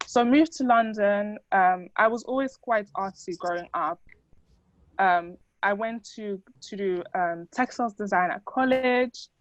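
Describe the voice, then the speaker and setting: A woman's voice: mid-range voice, unhurried, dry recording, highs cut off. A young woman who grew up in the Netherlands and speaks Dutch as her first language, giving a chatty talk to an audience with many fillers. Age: young adult. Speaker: student speaker.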